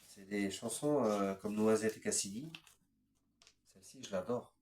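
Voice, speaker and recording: A man's voice: lowish voice, a little slow, a little mellow, a little hiss or hum. Man in his fifties, roomy echo. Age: 50s. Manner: hesitant, strings items together with "voilà" and "ensuite". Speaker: record collector presenting his collection. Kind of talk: casual show-and-tell.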